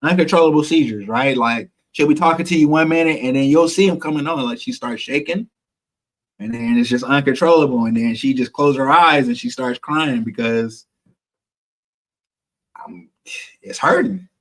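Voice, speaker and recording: A man's voice: mid-range voice, moderate pace. A man vlogging a personal story to viewers, candid and emotional, swearing freely.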